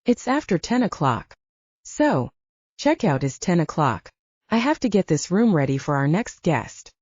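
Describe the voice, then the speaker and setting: A woman's voice: fairly low pitch, sing-song, unhurried, a little mellow, slightly rough, no room sound, dull audio, heavily acted. A woman voicing a stern, no-nonsense female hotel housekeeper in an audiobook, firm and matter-of-fact.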